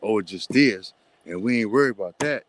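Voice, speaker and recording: A man appearing as a guest in a loose, casual conversation. He talks in an animated way, leaning on the same filler phrases again and again and sometimes stuttering over his words. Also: fairly low pitch, a little fast.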